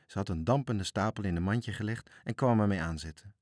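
A man narrating a children's storybook, reading in a measured, expressive way. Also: on the low side, no room sound, clean studio sound.

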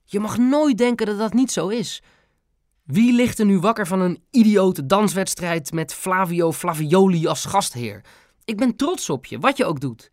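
A man's voice: high voice, expressive, unhurried, dry recording, studio quality, pitched above the performer's own voice. A man voicing a middle-aged mother who is loving and distraught, speaking in a tearful, pleading way.

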